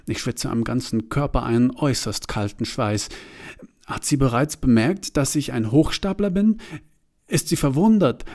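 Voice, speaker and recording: A man narrating a first-person story in a confessional way, turning from hushed to agitated. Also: mid-range voice.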